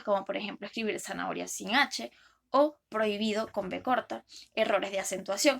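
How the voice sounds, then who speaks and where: A young woman, a first-semester university student, reading a class presentation in a careful, steady way. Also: a little high, creaky. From Venezuela. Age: young adult.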